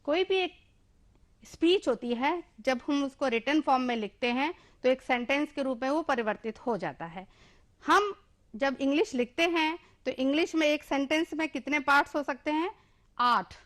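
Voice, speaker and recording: A woman's voice: sits high, lively intonation, moderate pace, a bit bright. A woman with an Indian accent teaching an English lesson, explaining in Hindi, calling her pupils children and drilling words for them to repeat. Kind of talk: classroom-style lesson.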